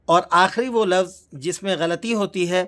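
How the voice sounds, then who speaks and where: Recitation teacher, male, Pakistani Urdu accent, slightly high pitch, calm step-by-step lesson delivery. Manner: patient, explanatory, drawn-out recited examples.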